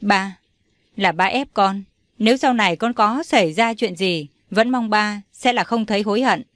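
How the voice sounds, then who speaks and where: A woman's voice: medium pitch, moderate pace, no echo, natural voice. A young daughter who tearfully begs her father for mercy, as a woman reads her. Her pleas sound imploring and desperate, recorded dry and close for an audio storybook.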